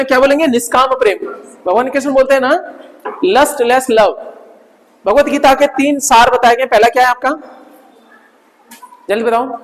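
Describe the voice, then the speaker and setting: A male teacher drills vocabulary in a classroom, quizzing students and repeating each word many times. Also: very high-pitched. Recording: reverberant classroom.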